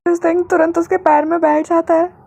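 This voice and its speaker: A woman storyteller reading fan fiction aloud in a lively, dramatic way. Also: very high-pitched, normal speed, vocal fry.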